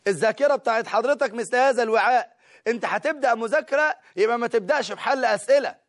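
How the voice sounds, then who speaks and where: A middle-aged man with an Egyptian Arabic accent, a teacher giving study advice to students in a lively way, talking straight to them and often laughing. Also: very high voice, racing. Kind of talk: study-skills talk to students.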